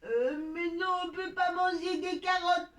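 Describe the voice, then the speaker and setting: A woman's voice: very high voice, unhurried, fairly bright tone. A woman voicing a boastful, childish little boy wolf who plays big and bad and stammers when challenged, in theatrical children's storytelling. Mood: flustered protest. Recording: echoey room, distant from mic.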